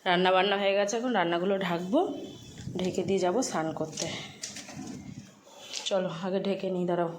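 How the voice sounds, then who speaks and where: A young homemaker vlogger chats casually with viewers about her cooking and chores, recorded on a phone in her home kitchen. She talks straight to the camera with quick asides, in a fairly low, level-toned voice over background noise.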